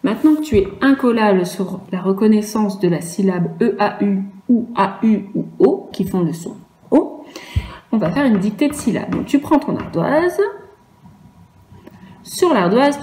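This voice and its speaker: This primary school teacher has a mellow, mid-range voice that is animated yet unhurried. She's giving young children a phonics lesson online, patiently going letter by letter, in an echoey room where faint noise can be heard.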